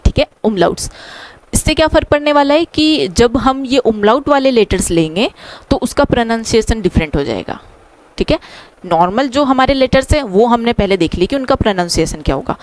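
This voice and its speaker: A woman with an Indian accent teaching the alphabet as a language teacher, patient and repeating each answer. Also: fairly high pitch.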